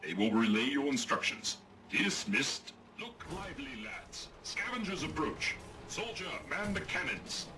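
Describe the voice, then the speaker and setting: An actor playing a pompous, old-fashioned robot naval captain in a video game, with theatrical gentlemanly diction. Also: male voice, medium pitch, measured pace, a crowd in the background. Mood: commanding. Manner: grandiose, lively commanding delivery. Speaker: ship's captain.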